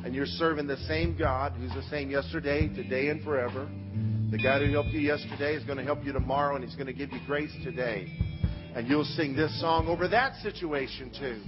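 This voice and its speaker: A man's voice: medium pitch, fairly even intonation, fairly quick. A man leading a fervent, encouraging prayer as a pastor over worship music. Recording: muffled church recording with loud music.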